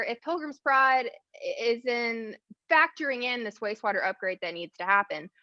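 A woman speaks over a conference call, her voice muffled and dry with no room around it. She addresses a city council in an earnest, measured way, laying out her points and then asking pointed questions. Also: medium pitch, fairly bright tone, no room sound. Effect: heard over a conference call. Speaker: environmental advocate giving public comment. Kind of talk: prepared public comment to a city council. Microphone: video call.

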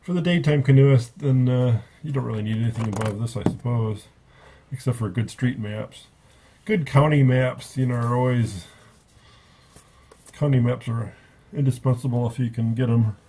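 A man's voice: medium pitch, normal speed, mellow, breathy edge. A man giving a casual, rambling spoken review at a table, often correcting himself as he goes. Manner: rambling, self-correcting, offhand. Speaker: book reviewer.

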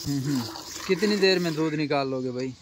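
Young man, slightly high voice, chatty farm-tour vlogger, outdoors with faint animal noise. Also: brisk. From Pakistan. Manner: chatty, guiding viewers, asks workers questions. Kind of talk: casual walking farm tour. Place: outdoor rural cattle farm.

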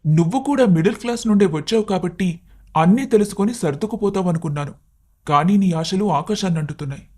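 A man's voice: high voice, a little fast, darkish tone. A man voicing a hurt, patient young husband. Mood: pleading. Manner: pleading, reasoning, sometimes angry. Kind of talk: animated cartoon story voice acting.

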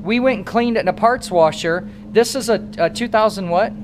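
Quick and high-voiced, a motorcycle repair instructor in his thirties with a Midwestern accent works through a shop demonstration. He coaches as he goes and keeps asking his students questions, all against a noisy background.

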